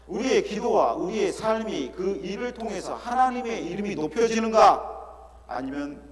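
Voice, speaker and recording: Middle-aged guy preaching, kinda high voice, lots of rhetorical questions, big echoey church hall with people around. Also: animated, normal speed, crowd noise. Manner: earnest, rhetorical questions, drops to soft asides. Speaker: pastor. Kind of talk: sermon. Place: church sanctuary.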